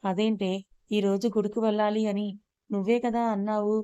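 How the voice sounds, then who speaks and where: A woman's voice: mid-range voice, level tone, normal speed, dark tone, clear, resonant tone, muffled recording, natural voice. Doting old grandmother in an audio storybook, fussing and fond, level delivery, read by a woman narrator.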